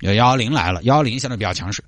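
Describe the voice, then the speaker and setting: A man with a Sichuanese accent narrating a comic story in a low, relaxed, conversational way. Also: very fast, dry recording, soft background music.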